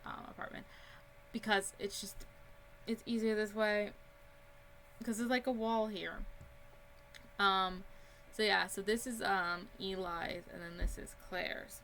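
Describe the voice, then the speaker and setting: A young woman, a Sims YouTuber, gives a casual tour of a house she built in a life-simulation game, rambling and chatting with plenty of ums. Her mid-range voice is a bit bright, with slight background noise behind it.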